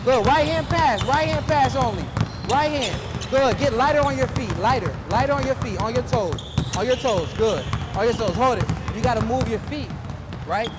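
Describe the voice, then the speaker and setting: A man's voice: very high voice, animated, normal speed, very noisy. A man coaching a basketball drill, calling out short encouraging commands. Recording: distant voice over loud music.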